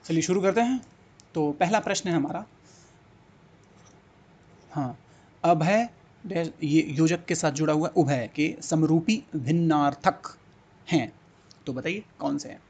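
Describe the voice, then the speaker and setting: A man's voice: a little high, unhurried, pauses often, a little mellow, breathy edge. A man teaching a Hindi exam-prep lesson, repeating words and coaxing students to think and answer. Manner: repetitive, coaxing questions to students.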